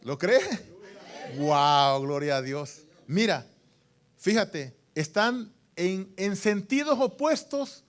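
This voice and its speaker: A male pastor delivers a sermon in a high-pitched voice. He calls for amens from the congregation and leans on repetition to drive home each point. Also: expressive, slow. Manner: preaching with call-and-response, repeats phrases for emphasis.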